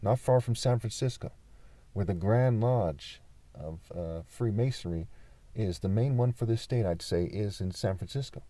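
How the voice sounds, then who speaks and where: A man from California talking insistently in an unscripted vlog monologue, pausing often with fillers. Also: lowish voice, dark tone, no room sound. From California, USA. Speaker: vlogger.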